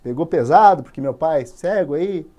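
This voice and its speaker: A man's voice: on the high side, lively intonation, moderate pace, mellow, lo-fi sound, close to an everyday voice. A man with a Brazilian accent voicing a tearful young captive warrior who pleads in casual slang. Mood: pleading.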